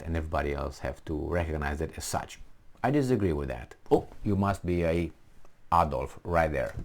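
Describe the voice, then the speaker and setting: A man, originally from Romania, giving blunt, defiant political commentary in a casual, animated way, with many restarts and fillers. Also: deep voice.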